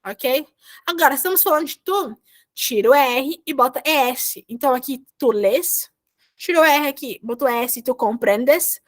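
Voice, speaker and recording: A woman's voice: high voice, lively intonation, moderate pace. A woman teaching a Spanish grammar class over a video call, explaining verb endings patiently step by step and repeating herself often.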